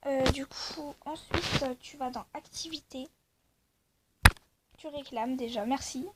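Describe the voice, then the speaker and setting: A woman's voice: high voice, takes it slowly. A young woman casually commenting on a game she plays, rambling with many fillers. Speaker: gaming video creator. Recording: faint background noise.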